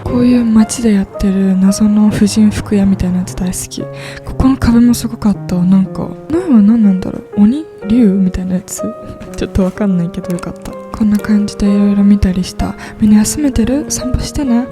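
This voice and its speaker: In a vlog voice-over set against background music, a woman in her twenties talks casually and quickly in a medium pitch. She sounds upbeat, gushing over the things she loves.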